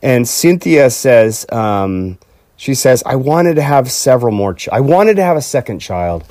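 A man's voice: medium pitch, sing-song, unhurried, a little mellow, no room sound. Rambling casual male storyteller, dry sound. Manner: rambling, lots of fillers and restarts, acts out quotes. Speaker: podcast host.

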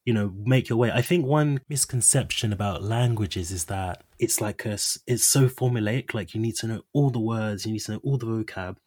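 Relaxed man hosting a chat, dry sound. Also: fairly low pitch, a little fast, hardly any pauses, no echo. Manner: relaxed, conversational, filler "like". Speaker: host. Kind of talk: casual chat.

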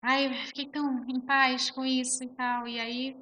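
A woman's voice: sits high, little pitch movement, moderate pace, sharp tone. A woman with a Brazilian Portuguese accent, a musical theatre actress telling her story expressively in an interview.

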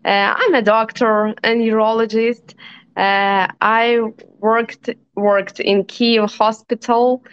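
Young Ukrainian woman, halting English. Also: a little high, steady tone, smooth, dull audio. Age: 20s. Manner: halting non-native English with frequent "uh" pauses. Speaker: guest. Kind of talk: podcast interview.

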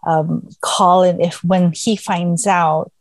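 A woman's voice: fairly low pitch, fairly even intonation, takes it slowly, no echo. A woman co-hosting a casual fan chat, musing hesitantly with many fillers. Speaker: podcast co-host.

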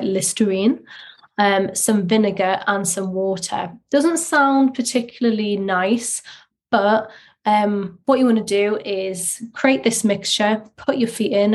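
A woman hosting a solo podcast, explaining things in a casual, chatty way through a poor microphone with low-quality audio. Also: darkish tone. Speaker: podcast host. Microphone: faulty microphone.

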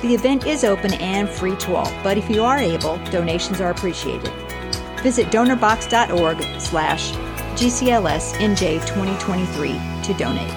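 A woman's voice: medium pitch, animated, moderate pace, over music. A woman hosting a book podcast, reading event details and a sign-off. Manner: warm laughing banter, then scripted announcements. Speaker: podcast host. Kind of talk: casual podcast chat and sign-off.

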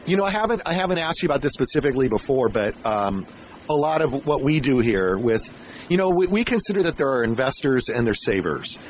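A man hosting a casual radio interview, rambling haltingly and repeating words as he shapes his questions. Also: medium pitch, sing-song, a little hiss or hum. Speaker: radio show host interviewing a guest.

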